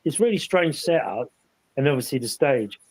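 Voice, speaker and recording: A man's voice: medium pitch, expressive, normal speed, darkish tone, slightly rough, no room sound, poor audio. A man on a paranormal panel, rambling through an investigation story in casual chat with many restarts and asides.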